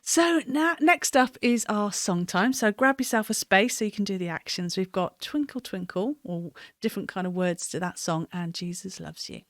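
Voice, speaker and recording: A woman's voice: medium pitch, normal speed, hardly any pauses, no echo, studio quality. A woman presenting a children's program, chatting casually between segments.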